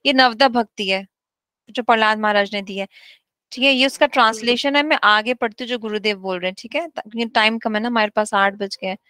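A woman giving a devotional class, reading slowly in English and explaining quickly in Hindi. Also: fairly high pitch, sharp tone, clean tone, no echo. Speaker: spiritual teacher.

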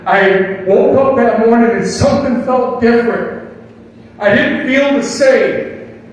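Older guy preaching, kinda high voice, big echoey church from far off. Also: slow pace, slight background noise. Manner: folksy preaching with rhetorical questions. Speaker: pastor. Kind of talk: sermon. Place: church sanctuary. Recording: distant mic in a reverberant hall with faint ambience.

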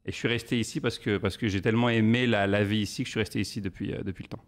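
French guy in his 30s, talks fast, storytelling comedian on a podcast. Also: on the low side. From France. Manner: animated storytelling with quoted asides. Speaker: guest comedian. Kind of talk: podcast interview answers.

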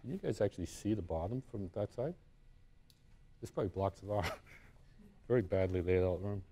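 There's background noise as a man with a low voice talks at normal speed. He's presenting his own artworks in a live university lecture, thinking aloud conversationally, restarting frequently, and checking in with "right?".

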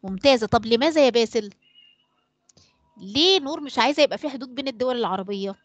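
Rapid-fire Egyptian woman teacher. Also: on the high side, animated, dry recording. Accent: Egyptian Arabic. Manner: quizzing pupils by name, leaving blanks for them to fill. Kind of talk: online class quiz and explanation.

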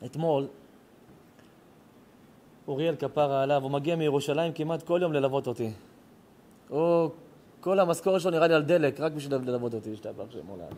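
Impassioned rabbi man, higher voice. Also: long pauses, a little mellow. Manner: storytelling, voice rising and cracking with emotion. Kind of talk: emotional moral sermon. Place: synagogue or home lecture hall.

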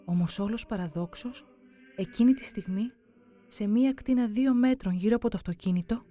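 A narrator giving a solemn, measured scripted reading for a religious documentary. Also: mid-range voice, mellow, soft background music.

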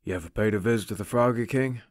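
An actor playing a rugged, scarred bounty hunter in a full-cast audio drama, casual and easygoing. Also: male voice, fairly low pitch, fast, no room sound, studio quality, natural voice.

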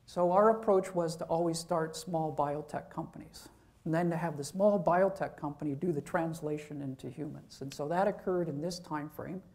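A professor gives a university lecture in an informal, conversational way, regularly checking in with "okay?". His voice is fairly high-pitched and darkish, at a normal speed.

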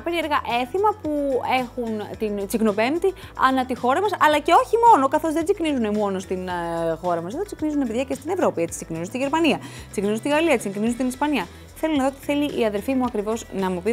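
A woman's voice: high voice, very animated, faint music behind. A woman hosting a TV show, talking casually to the camera in a rambling way, full of asides and restarts. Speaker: TV show host. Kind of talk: casual studio chat to camera. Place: TV studio.

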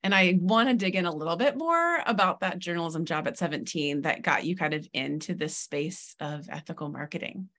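Woman, podcast host, lowish voice, enthusiastic, casual fillers, video call. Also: animated, a little fast, few pauses. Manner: enthusiastic, warm interviewer with fillers. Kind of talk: casual interview hosting.

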